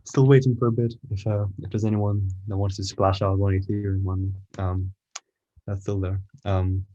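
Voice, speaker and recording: A man from Iran, an artist guest on a podcast, speaks in a very low voice. He talks in a relaxed, casual way and searches for his words as he thinks aloud, with frequent pauses and fillers. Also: dull audio.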